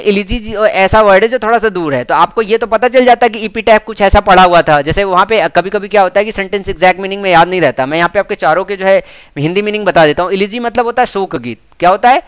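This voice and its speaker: An Indian man teaching English exam questions, explaining each answer and repeating key words, reading English sentences slowly. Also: high voice, clear, resonant tone, dry recording. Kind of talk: exam prep lecture.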